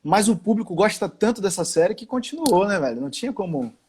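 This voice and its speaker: A man from Salvador, a guest on a live-stream interview from home, talking in a relaxed, slangy way. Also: high-pitched, fast, breathy edge. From Salvador, Bahia, Brazil. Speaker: actor guest. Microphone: video call.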